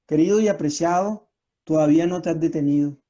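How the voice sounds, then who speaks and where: A man voicing a calm, wise sage in a told story, speaking quietly and measured. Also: a little high, muffled recording, lightly acted. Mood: gentle. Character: calm wise male sage, gentle and serene.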